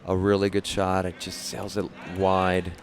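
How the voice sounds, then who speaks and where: A man calling a pickleball match live, measured play-by-play with quick bursts of excitement. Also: low-pitched, gravelly, a little hiss or hum. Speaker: pickleball commentator. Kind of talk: live sports commentary.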